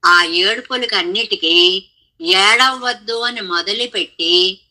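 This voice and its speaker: Slow, bright-voiced woman teaching scripture. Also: mid-range voice, rough recording. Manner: explains scripture, chanting Sanskrit verses. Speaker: religious teacher. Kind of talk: devotional scripture discourse.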